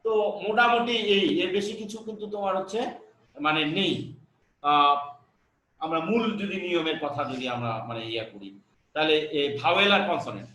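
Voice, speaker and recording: A man teaching a grammar lesson at a board, halting with many filler sounds and restarts, asking rhetorical questions. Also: sits high, bright, forceful tone. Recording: echoey room, voice from some distance.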